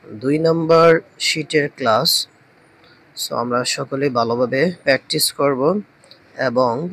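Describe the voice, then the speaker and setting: A man's voice: medium pitch, fairly bright tone, husky, poor audio. A man teaching English vocabulary, drilling words one at a time and having students repeat after him. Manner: drills words with repetition, switching between English and Bengali.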